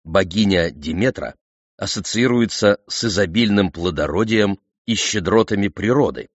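A man narrating an audiobook in a lively, theatrical storytelling manner. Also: on the low side, normal speed, dry recording. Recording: slightly dull, dry recording.

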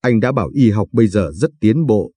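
A man's voice: fairly low pitch, expressive, fairly quick, warm tone, slightly rough, no room sound. A man voicing a caring young man who is earnest and worried, talking protectively in a storybook reading. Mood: reassuring, fretful.

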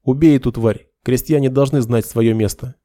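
A man's voice: mid-range voice, fairly even intonation, normal speed, mellow, no room sound, close to an everyday voice. A man voicing a vicious, contemptuous retired major of noble birth, in an audiobook reading. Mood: hateful. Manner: snarling, contemptuous.

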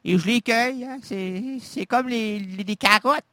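A Québécois radio host with a notably high voice spins a playful, absurd monologue, stumbling over words and restarting as he goes. The studio sound is dry and close, with no room around him. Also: measured pace, pushed and bright, dry recording. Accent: Québécois French. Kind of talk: rambling comic radio monologue.

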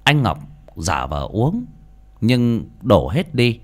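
A man narrating a ghost story as an audiobook, with an expressive, suspenseful delivery. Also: medium pitch, takes it slowly. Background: faint music.

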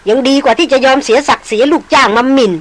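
A woman voicing a haughty young woman, the employer's sister, shrill and scornful in her anger. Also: expressive, moderate pace, a bit bright, poor audio. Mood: indignant.

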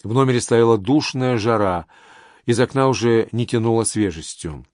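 A man narrating an audiobook in a steady, measured storytelling manner. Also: mid-range voice, no echo, studio quality.

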